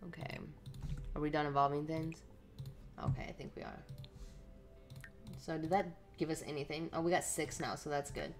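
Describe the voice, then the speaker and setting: Woman, let's play host, casual gameplay commentary, lowish voice, talks to characters. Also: fairly even intonation, normal speed, long pauses, noisy background. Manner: chatty, talks to the game characters.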